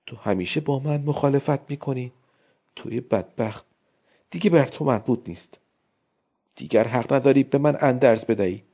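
A man reading an audiobook, voicing a fickle, self-absorbed young wife in a softer, quieter, fretful voice. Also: medium pitch, pauses often, breathy edge. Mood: petulant. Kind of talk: audiobook character voice. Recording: dull lo-fi recording.

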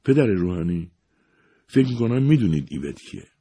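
A man voicing a sly, insistent woman in an audiobook, raising his pitch and keeping his tone soft. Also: sing-song, husky, no echo, heavily acted. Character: sly, insistent woman with a cool, quiet manner. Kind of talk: audiobook character voice.

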